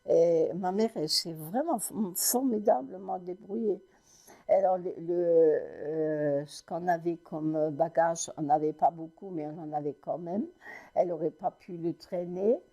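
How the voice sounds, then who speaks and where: An elderly woman in her nineties, from Lorraine in France, recounts her family's past for an interviewer. Her voice sits a little low with a dark, mellow tone. She tells it haltingly, backtracking and restarting often. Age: 90s. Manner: halting storytelling with many restarts. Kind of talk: oral history recollection.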